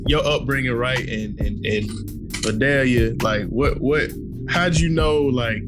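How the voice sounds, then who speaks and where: A man with a mid-pitched voice co-hosts a casual podcast, circling through his questions with lots of fillers. Clear music runs behind him throughout. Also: unhurried. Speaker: podcast co-host.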